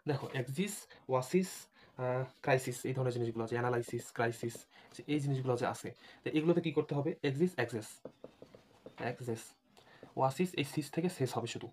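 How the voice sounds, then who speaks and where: A man's voice: medium pitch, a little mellow. A man teaching an admission-prep lesson, spelling words out letter by letter and often checking that students follow. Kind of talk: online lecture.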